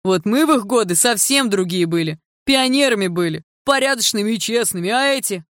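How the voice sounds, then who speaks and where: A woman reading an audiobook, voicing a loud, grumbling, moralizing older man walking a dog. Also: mid-range voice, expressive, a little fast, no echo, studio quality, voice pushed up, lightly acted.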